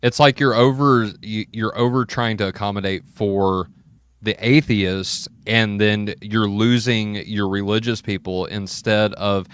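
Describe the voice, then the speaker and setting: A man's voice: fairly low pitch, fairly even intonation, unhurried, fairly bright tone, clean tone, no echo. A man, a welder, talking things through in casual chat and often checking in with "right?". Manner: explains with examples, keeps checking in with "right?". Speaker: welder on an open mic panel.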